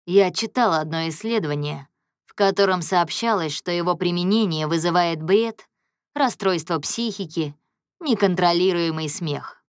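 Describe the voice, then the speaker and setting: A woman narrating an audiobook, giving the characters their own voices with higher pitch and more volume. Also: normal speed, smooth, no room sound, clean studio sound.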